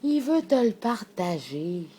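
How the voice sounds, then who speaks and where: Emphatic Québécois woman vlogging, lively pitch. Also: slow, breathy edge. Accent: Québécois French. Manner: emphatic, rambling, swears freely. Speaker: vlogger sharing her thoughts. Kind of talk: casual spoken monologue to camera.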